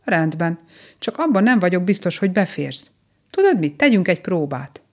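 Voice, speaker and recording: A woman voicing a grumpy, proud old male mole in a storybook reading, loud and easily offended, with a ringing, brassy voice. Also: lowish voice, very animated. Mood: jovial. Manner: loud, touchy and boastful.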